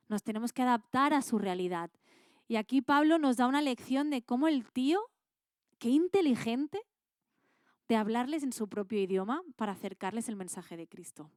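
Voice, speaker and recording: A woman's voice: a little high, clear, resonant tone, dry recording, clean studio sound. A woman with an accent from Spain, teaching a Bible class in a casual, colloquial way and quizzing her students with questions.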